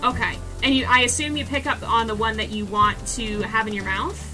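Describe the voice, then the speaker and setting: A young woman streaming a speedrun, giving quick, excitable play-by-play commentary and repeating phrases as she goes. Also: fairly high pitch. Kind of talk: live gameplay commentary. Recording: game music in the background.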